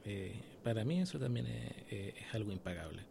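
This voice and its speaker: A man's voice: fairly low pitch, expressive, brisk, creaky, noisy background. A Chilean man co-hosting a podcast in casual chat, explaining things step by step and checking in with his listeners. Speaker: podcast co-host.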